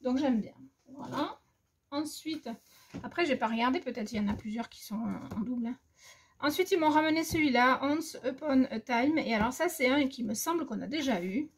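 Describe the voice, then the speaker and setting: Woman, gravelly husky voice, casual haul chatter full of hesitations, recorded on a phone. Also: high voice, expressive, moderate pace. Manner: hesitant, many fillers and restarts. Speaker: crafting vlogger.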